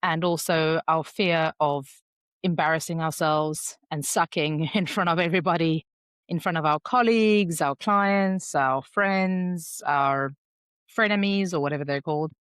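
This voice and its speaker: A woman's voice: deep voice, a little slow, smooth, dry recording, clean studio sound. A woman hosting a solo podcast, talking in a candid, reflective, conversational way. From South Africa. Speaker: podcast host.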